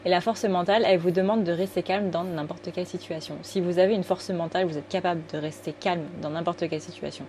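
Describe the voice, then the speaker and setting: A woman's voice: fairly low pitch, steady tone, fast, hardly any pauses, darkish tone, a little hiss or hum. A woman giving a casual, rambling tarot reading, full of fillers and self-corrections. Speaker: tarot card reader.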